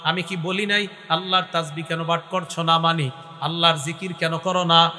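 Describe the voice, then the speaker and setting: A man preaching a waz sermon, chanting verses and then explaining them in lively speech, sometimes dropping to a whisper. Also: fairly high pitch, normal speed, big-room sound, faint music behind. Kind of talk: Bengali waz sermon with chanted Quran recitation.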